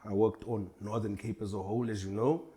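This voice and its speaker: A man's voice: fairly low pitch, fairly even intonation, brisk, dark tone. A man in his forties from Tanzania, a hip hop artist chatting as a guest in a casual interview, laid-back and rambling. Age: 40s.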